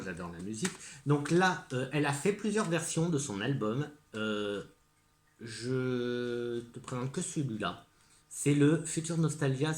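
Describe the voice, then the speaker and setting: A man's voice: medium pitch, roomy sound. A man with a French accent chatting casually as a vlogger, hesitant and full of fillers, and eagerly repeating his praise. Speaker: vlogger presenting gift ideas. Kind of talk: casual chat to camera.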